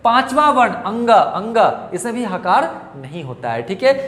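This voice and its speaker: A man's voice: sits high, big pitch swings, normal speed, a bit bright. A man teaching a grammar lesson, repeating himself often and quizzing his pupils with questions he answers himself. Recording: echoey room with long reverb.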